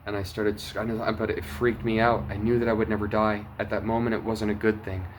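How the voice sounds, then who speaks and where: A low-pitched man tells his personal testimony straight to the camera. He is earnest and emotional, pressing forward urgently in some moments and dropping to a hushed near-whisper in others. A faint hiss sits behind his voice. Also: level tone, a little fast. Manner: earnest and emotional, swinging between urgent loud bursts and hushed quiet. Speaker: testimony vlogger.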